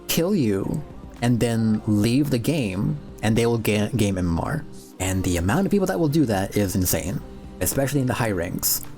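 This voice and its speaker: A man's voice: mid-range voice, darkish tone. A man giving casual, off-the-cuff reaction commentary as a streamer, rambling conversationally with music in the background. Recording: music behind the voice.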